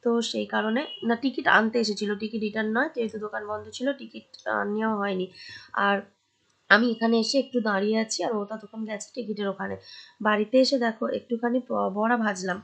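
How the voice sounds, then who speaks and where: A young woman with a hoarse voice, chatting to viewers in a casual vlog voice-over. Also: mid-range voice, fairly even intonation, quick pace, a bit bright. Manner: chatty, addresses viewers directly. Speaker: vlogger.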